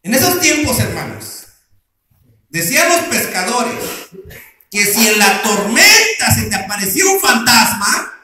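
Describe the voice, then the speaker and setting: A man preaching in a church with a very high, bright and forceful voice. He takes his time, throws questions out to the congregation, then answers them himself. The sound booms around a very echoey room. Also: big pitch swings, unhurried, soft background music. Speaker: pastor. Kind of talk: sermon.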